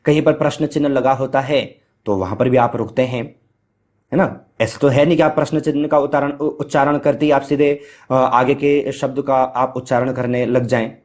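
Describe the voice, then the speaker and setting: A man's voice: mid-range voice, steady tone, moderate pace, a little mellow. A man giving a lecture, explaining step by step, asking rhetorical questions and answering them himself, with frequent filler sounds. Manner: chants Sanskrit verse at varying speed. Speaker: teacher. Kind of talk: Hindi grammar lecture.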